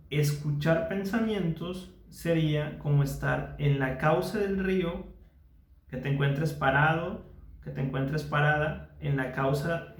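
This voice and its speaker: A man with a fairly high, gravelly voice, recorded in an echoey room. He is a psychologist guiding a mindfulness lesson. He is patient and repeats himself, checking in with the listener all the time. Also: a little mellow. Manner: patient, repeats phrases and checks in with frequent questions.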